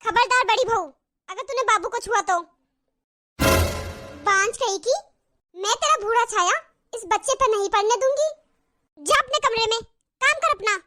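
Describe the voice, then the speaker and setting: Cartoon role: harsh older mother-in-law, very high and shrill, scolding and taunting. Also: normal speed, fairly bright tone. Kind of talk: cartoon voice acting.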